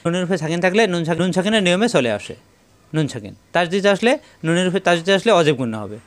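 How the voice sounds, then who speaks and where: A man teaching Arabic letters in a step-by-step lesson, repeating syllables slowly in drills. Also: high-pitched, lively intonation. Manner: repeats syllables in slow drills and tells viewers to take note. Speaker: Quran reading teacher.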